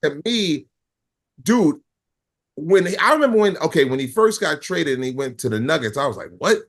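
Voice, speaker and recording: Guy on a sports podcast, lively up-and-down voice, swears, laughs a lot. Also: a little high, moderate pace. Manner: animated, cursing, laughs a lot, thinks aloud. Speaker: podcast co-host. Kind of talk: casual sports banter.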